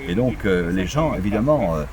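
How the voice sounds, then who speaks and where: Crowd noise fills the background as a middle-aged man, a local official with a French accent, is interviewed at an outdoor recycling center. He speaks at a moderate pace in a fairly low, expressive voice, full of fillers and restarts.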